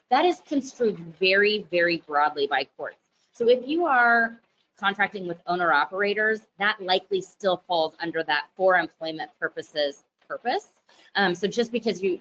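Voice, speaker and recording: A loud woman with a lowish voice, a company lawyer, presents a compliance webinar from an office at company headquarters while heavy rain falls outside. She explains the compliance rules conversationally, with frequent fillers and self-corrections, and the audio is dull with slight background noise.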